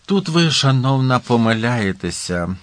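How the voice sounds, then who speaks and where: A youngish man in glasses from an audiobook, speaking calmly and condescendingly, as a male narrator reads him. The sound is close and dry. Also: medium pitch, measured pace, no room sound. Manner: calm, condescending. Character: youngish man in glasses, confident know-it-all.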